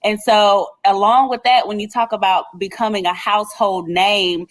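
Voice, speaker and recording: A woman's voice: medium pitch, fairly even intonation, normal speed. A woman, co-hosting a podcast and talking in an encouraging, easygoing way. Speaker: podcast co-host. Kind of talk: casual podcast chat.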